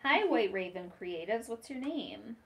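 A woman's voice: on the high side, animated, unhurried, slight background noise. A woman hosting a live stream from a shop basement, chatting casually and greeting viewers by name. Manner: casual, reads out viewer names and chats. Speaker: host running the live stream and camera.

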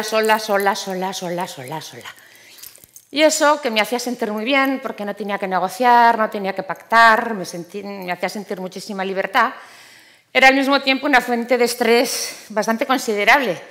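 A woman's voice: on the high side, fairly bright tone. Brief: middle-aged woman from Spain, ironic first-person stage monologue, repeats words for effect. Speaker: speaker giving a monologue. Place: theater stage.

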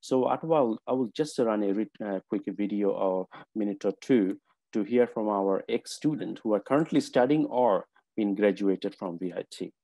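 A man giving an online presentation for a college, speaking haltingly with many fillers and restarts. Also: on the low side, dark tone, dry recording. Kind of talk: webinar presentation.

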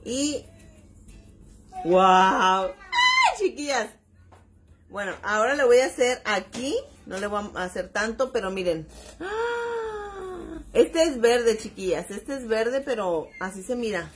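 A middle-aged makeup vlogger from Baja California in northern Mexico chats casually on a live stream from her vanity at home, exclamatory and talkative, constantly calling viewers "chiquillas." Her voice is on the high side and expressive, at a moderate pace with hardly any pauses, and faint music plays behind her.

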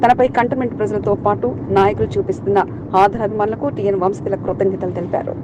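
The recording is lo-fi with a noisy background as a woman with a mid-range voice reads scripted local news as a voice-over. She moves rapidly and evenly through long lists of names.

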